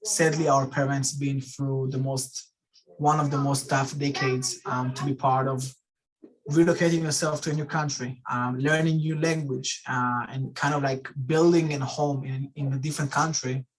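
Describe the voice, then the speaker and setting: A young man from Israel whose first language is Russian, speaking haltingly with many fillers on a video call as a guest speaker. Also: medium pitch, flat delivery, rough recording. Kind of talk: casual talk and Q&A.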